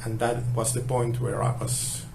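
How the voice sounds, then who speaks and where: Man on a low-quality phone recording, flat and halting delivery, steady background noise. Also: gravelly. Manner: halting, with frequent restarts. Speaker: guitar tester. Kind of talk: explaining a measurement test.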